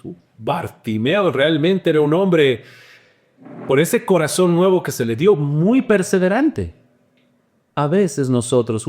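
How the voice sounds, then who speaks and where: A man preaching a sermon as pastor, animated, with wide swings in pitch and loudness.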